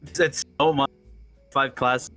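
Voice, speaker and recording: A young man chatting on a podcast over a home computer microphone whose noise suppression chops his audio, so the ends of his words drop away. He speaks at an ordinary pitch, haltingly, restarting his sentences, with faint music in the background. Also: steady tone, pushed and bright. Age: young adult. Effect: audio cutting out, choppy clipped word endings. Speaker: podcast co-host. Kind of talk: casual chat. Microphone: home computer mic with noise suppression.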